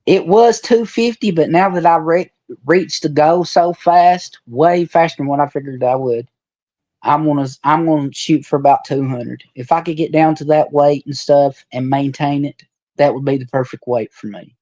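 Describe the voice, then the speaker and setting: A man in his forties, a retired wrestler, reminisces casually on a podcast, spinning stories in folksy, colloquial rural phrasing. His voice sits a little high and sounds warm, at a normal speed. The recording is muffled, with no room sound.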